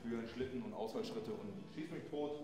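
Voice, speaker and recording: A gym owner gives a tour of his indoor gym, chatting casually and colloquially in a brisk, mid-range voice. The rooms sound echoey and hall-like, with music playing underneath.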